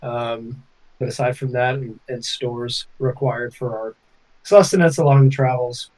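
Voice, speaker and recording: Halting, mid-pitched male tabletop player. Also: darkish tone, poor audio. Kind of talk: casual, speaking for his character.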